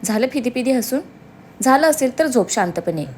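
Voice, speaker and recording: A woman's voice: a little high, lively intonation, moderate pace, a little mellow, slight background noise, close to an everyday voice. A woman voicing a young husband who is bossy, teasing and protective, read for a storybook.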